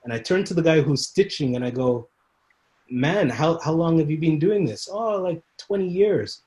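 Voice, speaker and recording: A man's voice: fairly high pitch, normal speed. A man, a Muay Thai instructor, telling stories in a casual podcast interview and acting out the people he quotes. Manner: animated storyteller who acts out quoted people and laughs often.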